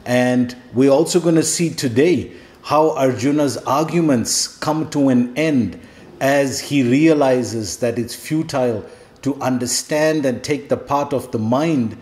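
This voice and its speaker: A man's voice: medium pitch, measured pace, a little mellow. Man giving an echoey devotional lecture. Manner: explanatory, asks rhetorical questions, checks in with "hmm?". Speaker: scripture teacher. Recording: echoey room.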